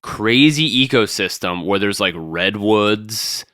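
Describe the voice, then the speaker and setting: A man with a very low voice that still swings widely in pitch, trading jokes in a casual podcast chat. His tone is bright and clear, recorded dry and close, and he laughs easily as he rambles. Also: lively intonation, slow pace, dry recording. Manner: jokey, laughs often, loose and rambling. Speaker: podcast co-host.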